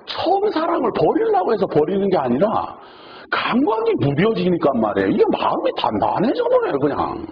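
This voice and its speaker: A pastor with a high-pitched voice preaches a sermon at a moderate pace, animatedly acting out the words of the people he quotes. The lo-fi recording sounds dull and noisy.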